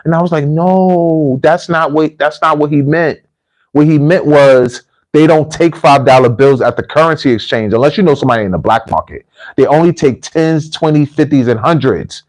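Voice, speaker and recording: A roughly recorded livestream features an American man with a slightly high, darkish voice speaking at a moderate pace. He's a host and repatriation coach who addresses viewers informally, tells anecdotes, and frequently repeats phrases to stress them.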